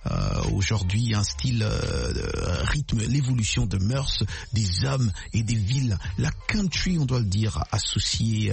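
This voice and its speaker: A fairly low-voiced man hosts a radio show with animated delivery, his pitch leaping up on key words between frequent hesitations. Soft music plays underneath him. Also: vocal fry. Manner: animated, voice often jumping up, frequent "euh" fillers.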